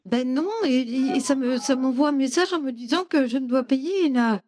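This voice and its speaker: A flustered, distraught caller, as a woman acts her out in a prank call, rambling and pleading. Her voice sits high. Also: normal speed, crowd noise, close to an everyday voice.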